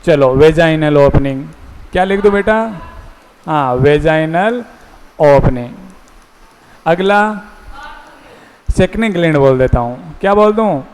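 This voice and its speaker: High-voiced male teacher in echoey classroom. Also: normal speed, long pauses, darkish tone, slight background noise. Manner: coaxing call-and-response questioning. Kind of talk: classroom lecture.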